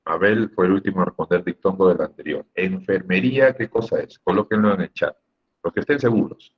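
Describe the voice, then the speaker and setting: Deep husky man teaching. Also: a little fast, highs cut off. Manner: patient, explains step by step, asks the class questions. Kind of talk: online class on Spanish grammar. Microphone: computer mic on a video call.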